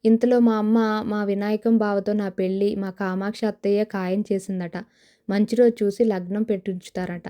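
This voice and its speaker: A woman's voice: medium pitch, level tone, moderate pace, warm tone, lightly acted. A woman voicing a wistful young village woman who dreams of film stardom, in an audio novel. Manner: wistful, sighing.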